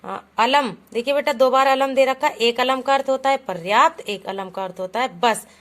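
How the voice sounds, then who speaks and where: A woman's voice: high voice, moderate pace, a bit bright. A woman teaching a Sanskrit lesson to children, patiently reading each example aloud and then explaining it. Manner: patient, calls the pupils "beta", reads each example aloud then translates it. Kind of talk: classroom lesson explaining Sanskrit words in Hindi.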